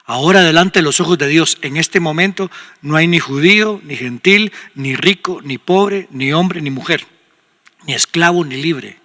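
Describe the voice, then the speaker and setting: Older man, Guatemalan Spanish accent, radio pastor, bright forceful voice, emphatic chat, long reverb. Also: a little high, moderate pace. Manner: conversational, emphatic, acts out quoted speech.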